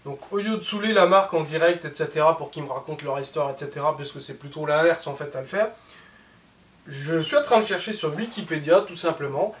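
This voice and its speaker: A woodworking host in his thirties speaks briskly in a fairly high voice, chatting casually about new tools and addressing viewers as "les gars." He's in a cluttered home workshop, recorded by a distant camera mic that picks up roomy echo and faint noise.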